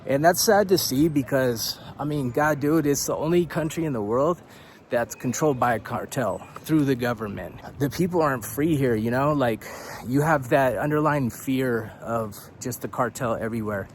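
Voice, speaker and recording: A young man vlogs to camera in a loose, rambling way, dropping "dude" and swears and chuckling as he goes. He sounds a little out of breath, and his pitch sits in an ordinary middle range. A faint hiss of noise runs under the voice. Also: normal speed. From United States. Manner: casual and rambling, says "dude", swears, laughs between points. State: a bit out of breath. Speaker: vlogger living abroad. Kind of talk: casual talking-head vlog.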